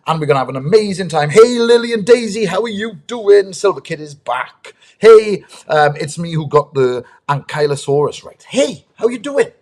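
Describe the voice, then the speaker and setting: Brief: male host for a kids' live stream, slightly high and very animated pitch, eager, chatty, lots of ums. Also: moderate pace, few pauses. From United Kingdom. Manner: lively and eager, greets chat viewers, many ums. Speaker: host, dinosaur ranger. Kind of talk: live-stream chat with young viewers.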